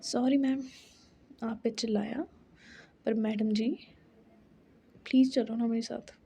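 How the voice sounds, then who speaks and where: A woman's voice: a little high, fairly even intonation, slow pace, vocal fry, dark tone, slightly rough, exaggerated voice. A woman voicing an insistent, hot-tempered young woman who pleads with and pressures her partner. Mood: pleading.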